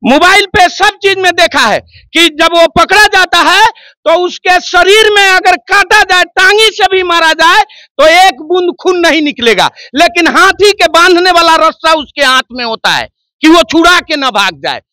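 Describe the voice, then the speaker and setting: A man, ranting loudly and forcefully in a street interview and accusing a politician. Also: extremely high pitch, lively intonation, moderate pace, no room sound. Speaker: member of the public interviewed. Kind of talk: impassioned street interview rant.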